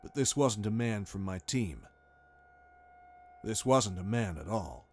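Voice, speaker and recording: A man's voice: fairly low pitch, expressive, slow, darkish tone, a little hiss or hum. A man reading a first-person horror story aloud in a tense, dramatic way. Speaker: narrator. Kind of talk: scripted horror narration.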